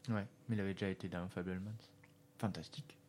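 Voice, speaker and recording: A man chatting casually about films, giving short, relaxed replies. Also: sits low, fast. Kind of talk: casual film chat. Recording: loud background noise.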